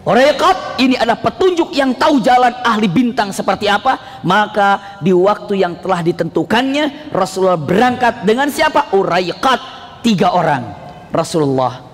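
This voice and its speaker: A male preacher, giving a lively sermon that keeps asking the audience questions. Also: high voice, moderate pace. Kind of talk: Islamic sermon. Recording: long hall reverb.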